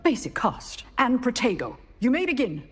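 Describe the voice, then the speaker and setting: A woman plays a strict, demanding magic professor who teaches dueling, delivering her lines formally and commandingly in a stern mood for video game voice acting. Her voice is slightly high and sing-song, at a normal pace, and the recording is very noisy.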